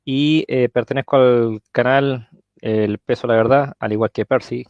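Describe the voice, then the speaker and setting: A Chilean man speaking as a guest on a live religious stream, often pausing and searching for words. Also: medium pitch, steady tone, darkish tone, dry recording, highs cut off. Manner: hesitant, searching for words, many fillers.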